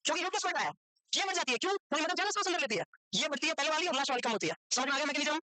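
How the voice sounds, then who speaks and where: A woman gives a medical lecture at a breakneck clip, tossing out question after question and repeating each answer. Her voice sits high and sounds sharp and bright. The recording is dry and close. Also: lively intonation, racing, dry recording, rough recording. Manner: mixes English medical terms into Hindi. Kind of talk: Hindi medical lecture, quizzing students.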